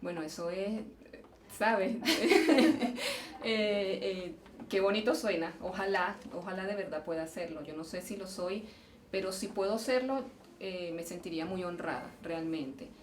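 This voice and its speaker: An unhurried, mid-range female voice belongs to a Venezuelan geological engineer being interviewed, who reflects carefully and frequently restarts or repeats words in her Venezuelan Spanish accent. The recording comes from an indoor event space, roomy and distant-miked with faint noise.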